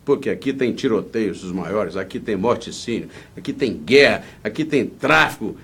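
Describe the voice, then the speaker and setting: A man's voice: fairly low pitch, animated, moderate pace, fairly bright tone, breathy edge. A man with a Brazilian Portuguese accent speaking as a political candidate in an interview, in an indignant, emphatic, rambling way.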